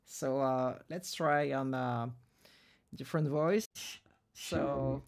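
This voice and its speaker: A man giving a casual software demo as a plugin reviewer, with a halting, hesitant delivery. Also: medium pitch, fairly even intonation, gravelly.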